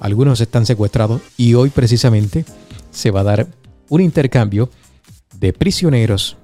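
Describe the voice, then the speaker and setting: A man hosting a morning radio show, presenting and commenting with emphatic, deliberate phrasing. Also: mid-range voice, dark tone. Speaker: radio host. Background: Latin music bed.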